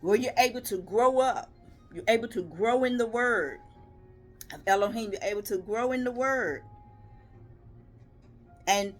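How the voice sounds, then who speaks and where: A woman preaching in a devotional sermon, voice at an ordinary middle pitch. She speaks earnestly and emphatically, stacking repeated questions and rhythmic lists. Faint music plays softly behind her. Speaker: lay preacher.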